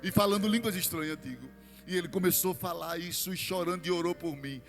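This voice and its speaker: A Brazilian pastor tells his own story in a sermon with a fairly high voice. He drops to quiet storytelling and then rises into loud, fervent bursts. Music plays clearly behind him. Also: quick pace, big-room sound. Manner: storytelling testimony, swings from hushed to shouted.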